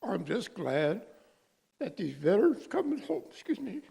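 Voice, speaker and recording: An older man from California, a veteran being interviewed, who speaks haltingly and searches for his words. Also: high-pitched, sing-song, vocal fry, mellow, breathy edge. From California, USA. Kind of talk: personal interview.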